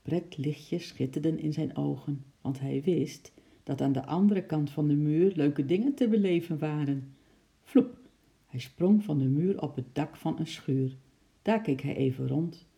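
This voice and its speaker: Dark, gravelly children's book narrator. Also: medium pitch, unhurried. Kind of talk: reading a children's book aloud.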